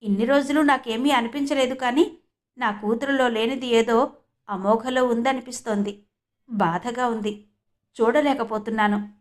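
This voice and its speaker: A woman voicing a jealous older aunt muttering her thoughts slowly in an audiobook. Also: fairly high pitch, fairly even intonation, close to an everyday voice. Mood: bitter.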